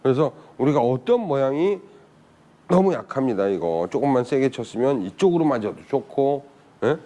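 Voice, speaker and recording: A man's voice: mid-range voice, very animated, normal speed, dark tone. A man teaching billiards in a casual spoken lesson, chatting and often putting rhetorical questions to viewers. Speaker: billiards instructor.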